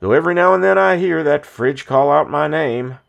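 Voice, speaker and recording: A man's voice: a little high, normal speed, vocal fry, lo-fi sound. An American man hosting and reciting cowboy poetry in a folksy, wry, plain-spoken storytelling style.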